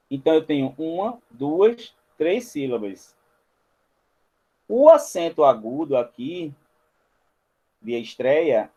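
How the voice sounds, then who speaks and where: Man teaching grammar, mellow voice. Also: on the high side, poor audio. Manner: explains step by step, often pointing things out to viewers. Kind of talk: spelling lesson at a whiteboard.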